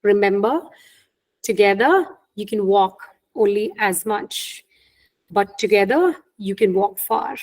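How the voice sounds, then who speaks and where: A middle-aged woman with an Indian accent, a native Hindi speaker, coaches people on job interviews in an earnest webinar talk, frequently checking in with "right?". Her medium-pitched voice moves slowly, and the audio quality is poor.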